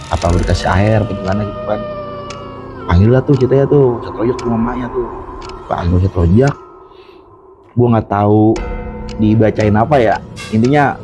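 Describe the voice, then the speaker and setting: A man, telling a true horror story in casual chat and acting out the quotes with laughter. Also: lowish voice. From Jakarta. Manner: animated, acts out quotes, laughs often. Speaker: storyteller guest.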